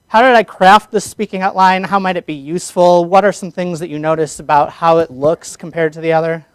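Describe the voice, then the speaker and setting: High, clear-voiced male public speaking teacher. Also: a little fast, no room sound. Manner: energetic, asks the class questions. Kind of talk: classroom lecture. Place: classroom.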